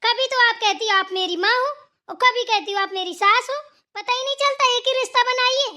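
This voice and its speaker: A woman's voice: extremely high pitch, moderate pace, pushed and bright, full character voice. A woman voicing a defiant young daughter-in-law in a Hindi cartoon, talking back to her mother-in-law. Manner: defiant, talks back, repeats "theek hai na".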